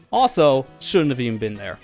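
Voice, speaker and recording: A man's voice: mid-range voice, very animated, slow, a little mellow, faint music behind. A man hosting a casual livestream from home, chatty and joking, laughing often as he talks over voice chat. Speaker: streamer host.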